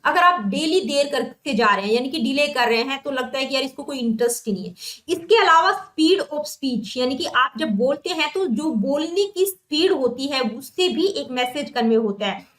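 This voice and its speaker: A woman teaching an exam-prep lecture who explains each term, asks her own questions and keeps checking with "ठीक है?", reading English definitions slowly word by word. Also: high-pitched, animated, a bit bright, roomy sound, poor audio.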